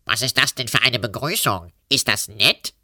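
A man voicing a grumpy, rude, hairy red earth monster with a rough, growling voice. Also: medium pitch, moderate pace, sharp tone, no echo, clean studio sound. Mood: cheeky. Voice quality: rough, gruff. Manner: sulky, cheeky, growling.

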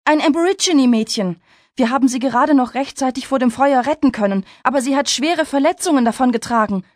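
A woman's voice: sits high, brisk, no room sound, clean studio sound, voice pushed up, lightly acted. A woman reading a story aloud, voicing a brave, determined young farm wife in an urgent, raised voice.

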